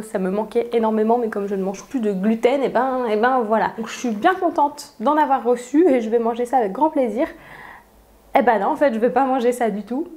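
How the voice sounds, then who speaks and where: A young woman with a fairly high voice chats casually through an unboxing, filling pauses with little hesitations. She laughs easily and keeps an easygoing, conversational flow. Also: a little mellow. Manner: chatty, laughs often, frequent fillers. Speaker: beauty vlogger.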